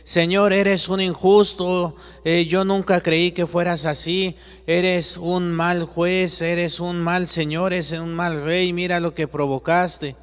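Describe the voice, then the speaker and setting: A man playing an indignant man on a cross: high, loud and exclaiming, in a reverberant space. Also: little pitch movement, slow, few pauses, clear, resonant tone. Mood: angry. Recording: long echoey reverb.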